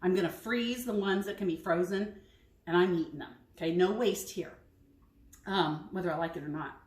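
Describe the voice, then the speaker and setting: A woman's voice: fairly low pitch, normal speed, darkish tone. A woman taste-testing recipes in a casual kitchen vlog, chatty and frank with hesitant asides. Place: home kitchen. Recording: echoey kitchen, clinking dishes.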